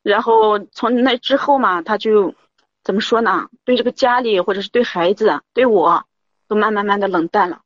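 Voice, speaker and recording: A woman's voice: mid-range voice, normal speed, dry recording, highs cut off. A woman calling in to tell her story in a rambling, confiding way, repeating "I said" again and again. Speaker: caller. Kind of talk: confiding call-in account.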